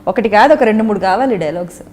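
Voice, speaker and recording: A woman's voice: mid-range voice, lively intonation, fast talker, darkish tone. A woman hosting an interview, coaxing and teasing her guest with frequent laughs. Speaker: interview host. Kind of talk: casual interview chat.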